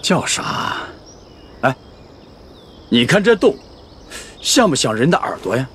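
An actor playing a calm, shrewd, battle-hardened male commander who explains his plans steadily in a TV war drama. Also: medium pitch, measured pace, slight background noise. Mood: explaining. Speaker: army commander.

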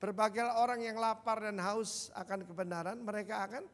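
An older man preaching a sermon as senior pastor, animated, with sudden loud bursts, and he keeps addressing the congregation directly. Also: high voice, a little fast. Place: large church hall. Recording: long church-hall reverb.

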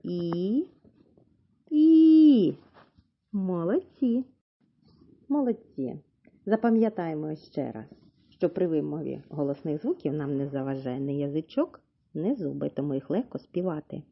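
A woman teaching a literacy lesson to young children, sounding out letters slowly and clearly for them to repeat. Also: low voice, animated. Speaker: preschool teacher. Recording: dull lo-fi recording.

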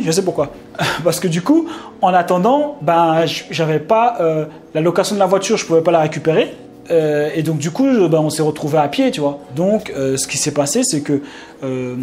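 A young Frenchman telling a casual vlog story, rambling with many fillers and restarts and sudden animated outbursts. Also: a little high, a little hiss or hum. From France. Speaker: vlogger.

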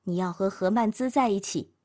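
A woman's voice: medium pitch, a little fast, warm tone, lightly acted. A woman voicing a jealous, unstable young woman who questions her boyfriend in a tense, accusing way. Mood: suspicious.

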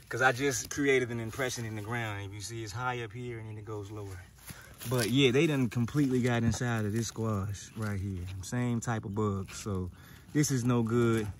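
A man giving a casual gardening walkthrough outdoors, slightly out of breath and talking in a relaxed, chatty way. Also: mid-range voice, slight background noise. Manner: relaxed, chatty, thinking aloud with fillers. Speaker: gardening vlogger.

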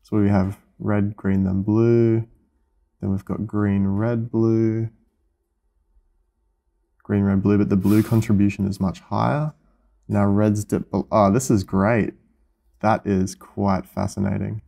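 A man's voice: on the low side, little pitch movement, slow, gravelly, long pauses, warm tone. A young man with an Australian accent hosting a casual vlog in an indoor workshop, explaining electronics assembly with enthusiasm. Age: young adult. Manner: enthusiastic, explanatory, counting things out. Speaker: host.

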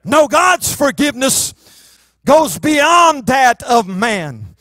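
A man's voice: extremely high pitch, sing-song, takes it slowly, dry recording. A pastor in his forties with a Southern US accent, preaching impassioned to his church on a handheld microphone. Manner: impassioned preaching, rising to shouts. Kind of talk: sermon. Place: church sanctuary stage.

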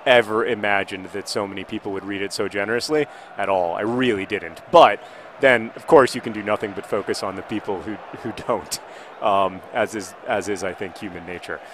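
Guy in his 30s rambling thru a football game, trails off then yells play-by-play, faint hiss behind. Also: lowish voice, a little fast. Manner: rambling, self-interrupting, bursts into excited play-by-play shouting. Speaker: gaming video host. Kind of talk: casual commentary over a football video game.

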